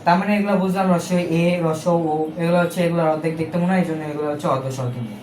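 A man's voice: a little high, very fast, a little mellow, reverberant, a little hiss or hum. A young man with a Bangladeshi accent, teaching an exam-prep lesson step by step, asking questions and correcting himself as he goes. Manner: explains step by step with rhetorical questions; colloquial, with fillers and self-corrections.

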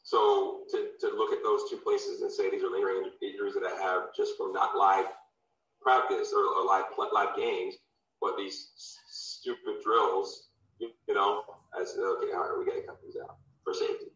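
A former football player turned filmmaker from Louisiana, talking loosely in an interview with lots of fillers and restarts. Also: male voice, low-pitched, little pitch movement, normal speed, a bit bright. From Louisiana, USA. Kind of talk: casual interview. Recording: distant, roomy, dull remote audio.

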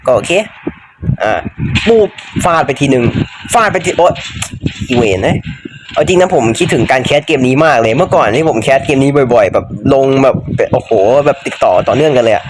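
A man's voice: mid-range voice, animated, fairly quick, noisy background. A young man casually commenting on a mobile game he plays, chatty, swearing freely and joking about his own mistakes. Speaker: gaming YouTuber. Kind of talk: casual let's-play commentary.

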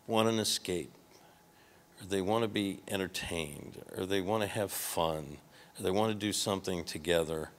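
An older man with a low, folksy Midwestern American voice speaks as an award recipient at a conference talk with audience Q&A. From a podium on a large hotel ballroom stage, he talks into a handheld microphone in a conversational way, with trailing restarts.

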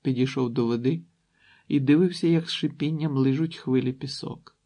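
A male audiobook narrator with a calm, even storytelling delivery. His voice sits in a middle pitch with a gravelly, creaky texture. A breathy, husky edge runs through every line. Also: moderate pace. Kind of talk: scripted narration.

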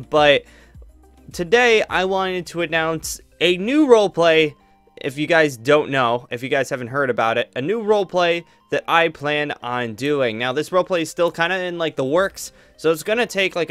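A young YouTuber with a mid-range, fairly bright, smooth voice rambles casually through a channel update while flying over a game world. He's upbeat and full of fillers and restarts, and the recording has no room sound.

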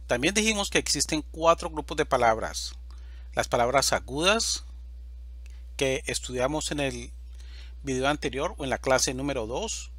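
Bright, dry-voiced male Spanish teacher. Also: medium pitch, husky, no room sound. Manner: slow, deliberate, stresses example words loudly. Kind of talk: slide-based grammar lesson.

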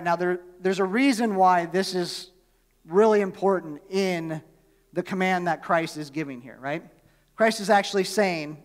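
A man preaching from the pulpit, his voice pitched high for a man. He speaks in a casual, chatty way and keeps asking the congregation questions. The recording has the long, ringing reverb of a large church hall. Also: fairly bright tone. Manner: conversational, asks the congregation questions. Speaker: pastor. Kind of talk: sermon.

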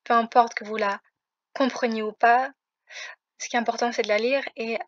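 A woman's voice: on the high side, steady tone, normal speed, dry recording. A woman teaching a language lesson, patiently explaining pronunciation step by step. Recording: muffled, dry close recording.

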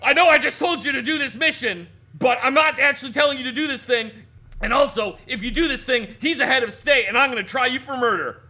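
A man playing an excitable military general in a comic sock puppet skit, emphatic and repetitive as he blusters. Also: extremely high pitch, a little fast, full character voice. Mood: stern, backtracking.

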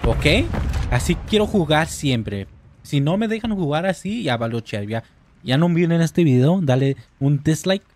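A young Mexican man giving excitable, jokey gameplay commentary and swearing now and then. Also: on the high side, unhurried, faint music behind. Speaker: gamer. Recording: gunfire from game audio. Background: loud game gunfire.

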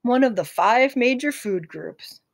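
A woman voicing a friendly, curious schoolgirl with a raised, bright tone in an audiobook. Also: a little high, expressive, unhurried, pitched above the performer's own voice.

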